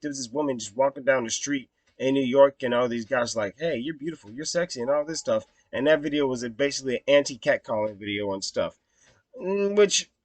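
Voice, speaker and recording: A young man talks straight to the camera in a loose, rambling way. His voice sits a little high, and he swears freely. The sound is dry and close, with no room around it. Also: no echo. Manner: blunt and profane, with frequent fillers. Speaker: vlog host reviewing a film. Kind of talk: casual rambling commentary.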